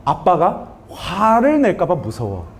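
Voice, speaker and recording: Brief: tearful small boy, plaintive and whiny, pitched a touch lower than the speaker's own voice, as a preacher quotes him. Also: wildly swooping pitch, unhurried, slight background noise, full character voice. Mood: hurt. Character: small boy, tearful and scared of his dad.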